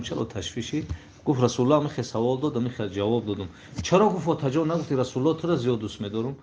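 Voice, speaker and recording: A man giving a sermon and retelling stories, his voice rising to emotional peaks and falling to hushed passages. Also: mid-range voice. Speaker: preacher. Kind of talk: sermon storytelling. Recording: dull lo-fi recording with faint noise.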